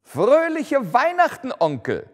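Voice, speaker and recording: A man voicing a cheerful, warm-hearted young man who talks merrily and pleads kindly. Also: very high voice, huge pitch swings, slow, pitched above the performer's own voice, exaggerated voice. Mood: merry. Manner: merry, pleading. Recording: long hall reverb.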